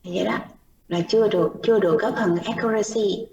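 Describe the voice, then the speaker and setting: A woman's voice: mid-range voice, fairly even intonation, fast talker, vocal fry, dark tone, muffled recording. A woman teaching pronunciation, patiently explaining errors and repeating words as models. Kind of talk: online class feedback, mixing Vietnamese and English. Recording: roomy, distant mic with faint noise.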